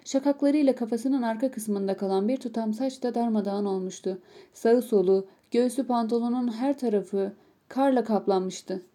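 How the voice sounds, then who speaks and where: A woman narrating an audiobook story in a calm, measured reading. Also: a little high.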